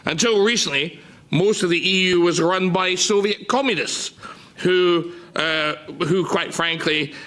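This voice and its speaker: Older man, sharp-voiced political rant. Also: sits high. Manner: indignant, scornful, emphatic, with halting hesitations. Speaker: politician giving a speech in parliament. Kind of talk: political rant in a formal debate.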